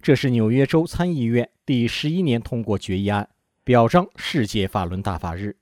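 A man narrating a news report with a formal, steady delivery. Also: mid-range voice, normal speed.

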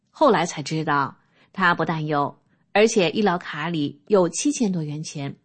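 A woman reading a first-person personal testimony aloud in a calm, steady manner. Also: on the low side, breathy edge. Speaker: narrator.

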